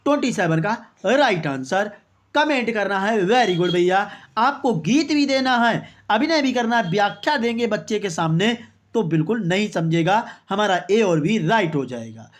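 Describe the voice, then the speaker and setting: A chatty online teacher running a quiz-style exam-prep lesson. The voice reads each answer option aloud as a rhetorical question, then settles on the right one with a quick "okay, exactly". Viewers are addressed throughout as brother and friends. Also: medium pitch, lively intonation.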